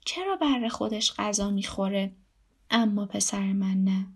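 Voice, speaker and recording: A woman voicing a simple-hearted young mother who dotes on her little son, with bright, eager replies. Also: medium pitch, slightly rough. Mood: worried.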